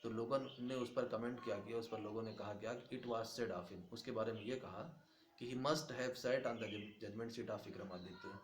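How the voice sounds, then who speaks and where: Teacher, male, lowish voice, reads slowly and explains, echoey room with faint hiss. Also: fairly even intonation. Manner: reads English lines slowly, then explains each in Hindi. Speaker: English teacher. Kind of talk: classroom lesson explaining a text.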